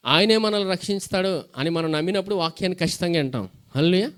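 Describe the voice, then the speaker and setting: A man's voice: high-pitched, quick pace, a bit bright, clear, resonant tone. A pastor preaching a sermon. He asks questions and answers them himself, and reads scripture aloud between plain explanations.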